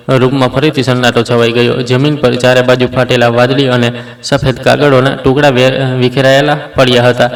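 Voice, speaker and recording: Flat-voiced male storyteller. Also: medium pitch. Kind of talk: scripted first-person narration. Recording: roomy echo, distant mic.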